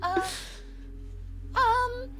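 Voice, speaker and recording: A woman's voice: extremely high pitch, drawn-out words, loud music behind the voice. A giggly, hesitant woman chatting casually as a player in a tabletop game. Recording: faint room noise.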